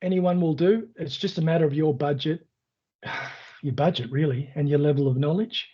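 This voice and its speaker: A man presenting in a live webinar, answering questions in a loose, conversational way with many fillers and a croaky voice that makes him clear his throat. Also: fairly high pitch, fairly even intonation, normal speed. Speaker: webinar presenter on online selling. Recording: dull lo-fi video call audio.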